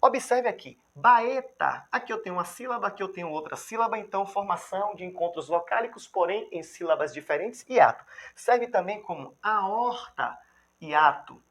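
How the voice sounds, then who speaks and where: A man with a Brazilian accent teaching a grammar lesson, who keeps checking in with the viewer and sounds out example words syllable by syllable. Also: high voice. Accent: Brazilian Portuguese. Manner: lively, checks in with the viewer constantly; spells out examples slowly, syllable by syllable.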